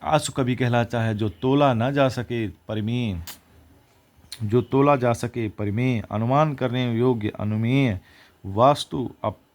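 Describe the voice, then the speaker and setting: A man's voice: medium pitch, slow. A man teaching exam vocabulary, reciting words and their opposites one after another and correcting himself as he goes.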